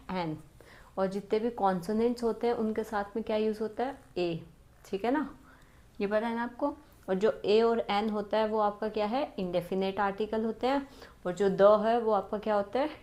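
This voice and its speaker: A woman teaching an exam-prep English grammar lesson, constantly asking her students rhetorical questions and reading example sentences very slowly. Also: mid-range voice, darkish tone.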